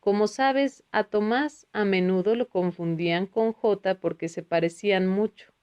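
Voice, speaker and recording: A woman's voice: mid-range voice, unhurried, smooth, muffled recording, lightly acted. A woman voicing a kindly male spiritual teacher who explains patiently in a read-aloud book.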